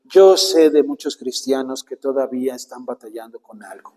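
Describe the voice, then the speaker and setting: A man preaching a sermon, earnest and slow, often turning to the listener with direct questions. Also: medium pitch, mellow, big-room sound, low-quality recording.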